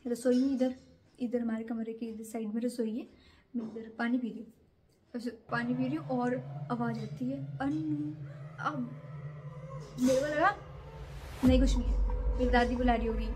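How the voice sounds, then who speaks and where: Young woman, vlogger, high voice, chatty rambling storytelling. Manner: chatty, rambling retelling of a scary night. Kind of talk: casual storytelling to camera.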